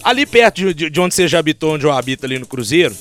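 A man's voice: fairly high pitch, big pitch swings, very fast, a bit bright, faint music behind. A man from Brazil, an English teacher trading jokes in a casual chat. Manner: joking, slangy, laughs often. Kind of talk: casual banter.

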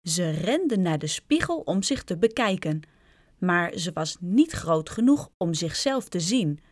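A woman's voice: lowish voice, big pitch swings, unhurried, no room sound, studio quality. A woman reading a children's storybook aloud, speaking directly and expressively to young listeners.

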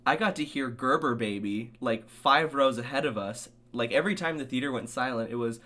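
A young man co-hosting a casual podcast chat, ranting with animated, laughing delivery. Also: medium pitch, fairly quick. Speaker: podcast co-host.

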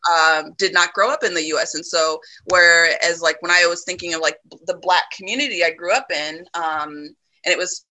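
Woman, bright clear tone, reflective, lots of ums and likes, casual chat. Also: on the low side, normal speed, poor audio. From United States. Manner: reflective, many ums and likes, laughs often. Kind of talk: casual conversation.

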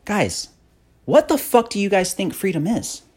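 A man's voice: sits high, sing-song, a little slow, darkish tone, slightly rough. A man in his thirties hosting a podcast, giving a blunt, profane motivational monologue that grows more fired-up. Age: 30s. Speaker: podcast host.

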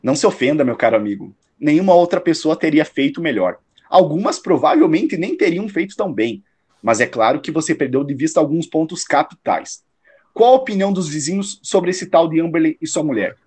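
A man playing a shrewd, self-assured detective in a radio drama, analytical, probing and slightly condescending in a measured delivery. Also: a little high, animated, darkish tone, husky. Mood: patronizing, analytical.

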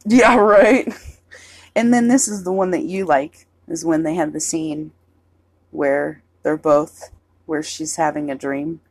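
A woman's voice: deep voice, fairly even intonation, slow pace, darkish tone, husky, no echo. A young woman co-hosting a casual movie podcast, retelling scenes animatedly with lots of "like" and free swearing. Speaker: podcast co-host. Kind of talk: casual movie review chat.

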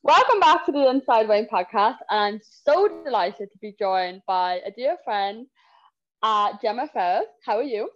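A woman's voice: on the high side, lively intonation, normal speed, dull audio. A young woman hosting a podcast, effusive and full of fillers. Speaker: podcast host. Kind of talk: podcast interview.

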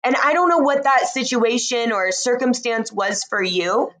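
A woman talking casually and intimately to her listener in an unhurried, drawn-out way, reassuring and encouraging. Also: on the high side, a bit bright. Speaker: host speaking to listeners. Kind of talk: intimate, casual motivational talk.

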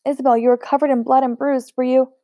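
A woman reading aloud, voicing a caring older sister who speaks gently and coaxingly. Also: high voice, little pitch movement, fast, no echo, muffled recording, lightly acted. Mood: gentle.

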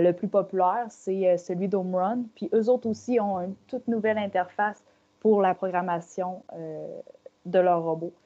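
A woman's voice: mid-range voice, dark tone, dull audio. A woman with a Québécois French accent, a panelist explaining her views in a round-table discussion, thoughtful and full of fillers.

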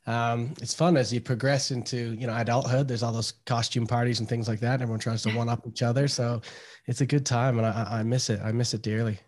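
A Canadian man in his thirties speaks in a level, flat tone with little rise and fall. He answers questions plainly, as an academic guest on a casual podcast. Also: mid-range voice, a little fast. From Canada, Toronto area. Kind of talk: casual interview talk.

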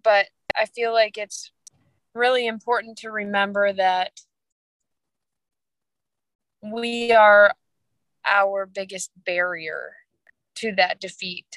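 A woman's voice: medium pitch, steady tone, slow pace, fairly bright tone, dry recording. A woman in her late twenties, a mother and wife, chatting casually on a podcast in a rambling, reflective way. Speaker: podcast co-host. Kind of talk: casual chat.

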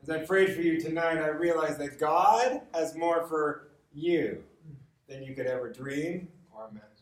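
An American guest preacher from Los Angeles gives an informal sermon filled with personal stories, speaking conversationally and repeating words for emphasis. His voice is on the high side at normal speed, recorded distant from the mic with a roomy echo.

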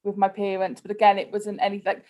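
A woman with a Cardiff accent speaks at a middle pitch in a casual interview. She is candid and conversational, peppering her sentences with "like" as she talks about herself. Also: completely flat delivery, fast, dark tone. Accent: Cardiff Welsh. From Cardiff, Wales. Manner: candid, conversational, heavy use of "like". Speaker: podcast guest, influencer. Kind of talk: casual personal interview chat.

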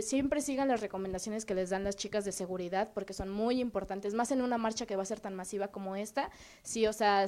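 A young woman speaks with a Mexican accent in a relaxed student panel chat. She talks earnestly and encouragingly, and she often pauses on fillers. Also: medium pitch. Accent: Mexican Spanish. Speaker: student co-host.

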